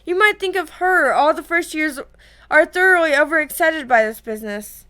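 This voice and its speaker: Bossy teen prefect boy, woman reading him, stern and scoldy, pretty high voice. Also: normal speed, pushed and bright. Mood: scolding.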